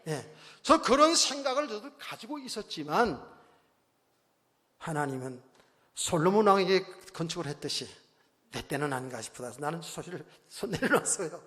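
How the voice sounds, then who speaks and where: A male pastor preaching a sermon, exhorting the congregation with rhetorical questions and calls for amen, swinging between loud bursts and quiet low phrases. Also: very animated, normal speed. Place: church sanctuary. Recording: long hall reverb.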